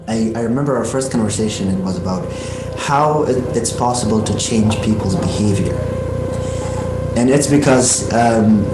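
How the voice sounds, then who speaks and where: A young man from Afghanistan, co-founder of the network, giving an earnest, halting introduction on a live panel. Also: fairly low pitch, noisy background. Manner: earnest, halting, with many fillers. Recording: echoey room.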